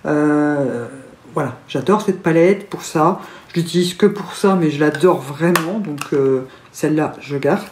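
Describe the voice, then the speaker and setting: A woman's voice: low-pitched, measured pace, darkish tone. Chatty, gushing woman in an echoey room. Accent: French. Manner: chatty, gushing, laughs often. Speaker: beauty vlogger. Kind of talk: casual chat. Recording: echoey room, faint noise.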